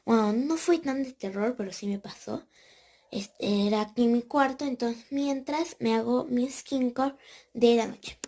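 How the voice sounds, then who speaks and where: A woman's voice: a little high, a little slow, mellow. A young woman telling a storytime in a casual, chatty way, with many fillers and whispers at the tense parts. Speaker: storytime vlogger.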